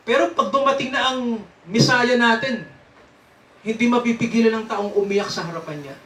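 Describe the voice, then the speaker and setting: A man's voice: very high-pitched, moderate pace, fairly bright tone. A man preaching in a church, teaching from the Bible and quizzing his congregation with frequent tag questions and chuckles. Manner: chuckles often while teaching. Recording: echoey room, mic at a distance.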